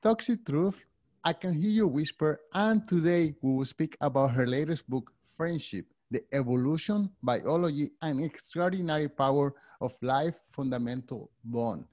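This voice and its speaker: A male podcast host with a Spanish accent and a voice pitched a little high for a man. He interviews a guest, pausing and repeating words as he searches for what to say. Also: darkish tone. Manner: hesitant, restarts and repeats words.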